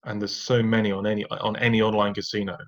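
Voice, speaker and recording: This is a podcast guest, a man, recounting his personal history in a reflective mood, with frequent fillers, restarts and a rueful laugh here and there. He talks fast at a fairly low pitch with a level tone. The audio is dull lo-fi.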